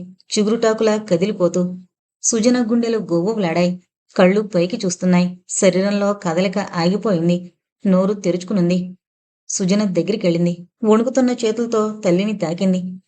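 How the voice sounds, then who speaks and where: A woman narrating a horror novel as an audiobook, reading in a dramatic, measured manner. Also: mid-range voice, dark tone.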